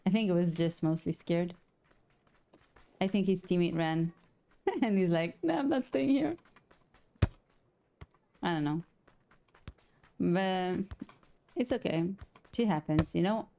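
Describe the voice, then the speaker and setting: A woman chats with her viewers over a headset mic while she plays, in an easy, chatty way and with frequent laughs. Her voice sits fairly low and sounds mellow, and she takes her time with every phrase. A faint hiss of noise runs underneath. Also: measured pace, pauses often. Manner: relaxed, chatty, laughs often. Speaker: gaming streamer. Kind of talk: casual chat to viewers while gaming. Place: home.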